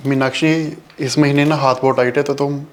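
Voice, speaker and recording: An actor playing a kind young husband who talks calmly and reasons with his wife. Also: mid-range voice, brisk, lightly acted. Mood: calm, patient. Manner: calm, reasoning, soothing. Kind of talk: short film acting.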